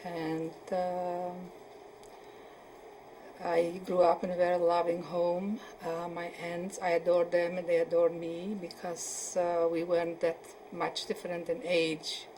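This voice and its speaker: A woman in her seventies from Poland, answering questions in an oral history interview and often pausing to search for words. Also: fairly low pitch, completely flat delivery, dark tone, a little hiss or hum, low-quality recording. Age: 70s. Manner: hesitant, searching for words with many fillers.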